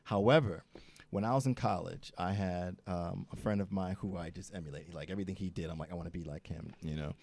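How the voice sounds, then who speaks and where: A man's voice: low-pitched, fast, gravelly, darkish tone, slight background noise. A man co-hosting a casual talk show, telling a candid personal story and acting out the voices in it. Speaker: co-host. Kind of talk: casual chat. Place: studio.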